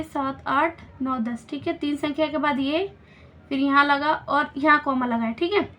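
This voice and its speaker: A woman's voice: very high-pitched, fairly bright tone. A woman teaching a school maths lesson step by step, patiently explaining and checking understanding with questions.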